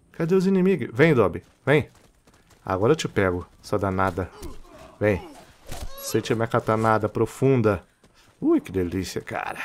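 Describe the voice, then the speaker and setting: A man with a Rio de Janeiro Brazilian accent giving casual, excitable gameplay commentary, taunting enemies and laughing as he plays. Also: mid-range voice. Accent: Brazilian Portuguese, Rio de Janeiro. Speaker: gaming channel host.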